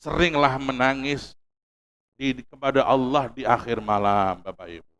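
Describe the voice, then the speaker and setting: A man preaching in a large mosque with a Javanese accent, swinging between loud emphasis and hushed pleading. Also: mid-range voice, steady tone, unhurried. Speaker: Islamic preacher. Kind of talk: sermon.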